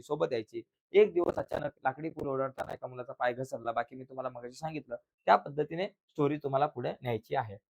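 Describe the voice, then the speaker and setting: A man teaching an exam revision lesson in a Marathi accent, telling a story dramatically with sound effects and cries, then giving calm writing instructions. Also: mid-range voice, creaky.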